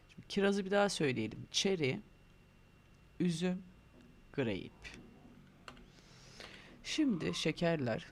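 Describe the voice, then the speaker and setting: A man with a gravelly, fry-edged voice leads young children through new English words. He speaks with a Turkish accent, pitched a little high, and keeps cheering them on to say each word back to him. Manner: encouraging, prompting children to repeat words. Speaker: primary school English teacher. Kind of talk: online lesson for young children.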